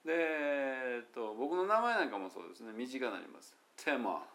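A man with a Kansai Japanese accent giving a casual, chatty English pronunciation lesson, slowly sounding out English words to demonstrate them. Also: mid-range voice, lively intonation, a bit bright. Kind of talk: casual solo lesson talk.

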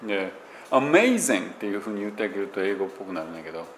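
A man with a Kansai Japanese accent explains English pronunciation casually, stopping often on fillers as he works through examples. His voice sits fairly low but moves lively up and down. The room around him echoes, with a faint hiss underneath. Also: rapid-fire.

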